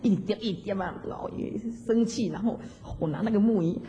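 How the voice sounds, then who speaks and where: A fairly high-voiced man with a warm, mellow tone gives a Buddhist dharma talk, breaking into slow chant examples and chuckling as he explains. The recording is dull and lo-fi, with a long hall echo. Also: slight background noise. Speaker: Buddhist monastic teacher.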